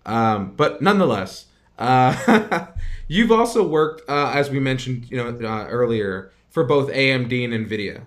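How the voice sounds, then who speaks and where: A man's voice: mid-range voice, lively intonation, measured pace. A man hosting an interview, speaking hesitantly with lots of stammers and fillers. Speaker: interview host. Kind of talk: conversational interview.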